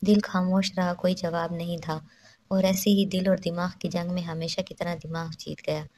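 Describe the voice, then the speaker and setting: A woman's voice: fairly low pitch, little pitch movement, a little mellow, slight background noise. A woman narrating a romance novel aloud, reading every character in her own voice with little change. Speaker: novel reader.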